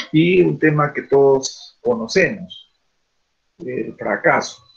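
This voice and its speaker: Man, teacher on a video call, gravelly tone, slightly high voice, dull lo-fi audio. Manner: rambling, many "este" fillers and rhetorical questions. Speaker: teacher leading an online class. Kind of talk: classroom talk over a video call.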